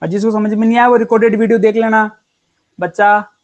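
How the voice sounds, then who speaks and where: High-voiced, chatty male chemistry teacher. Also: flat delivery, fast, highs cut off. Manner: chatty and encouraging, calls students beta and yaar. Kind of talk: casual online class teaching.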